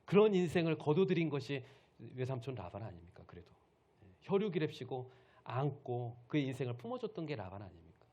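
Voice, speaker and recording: A male pastor delivering a Sunday sermon in a storytelling manner. His pitch moves animatedly from high to low as he tells the story, and he keeps turning to the congregation with questions. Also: very animated, brisk, warm tone, muffled recording.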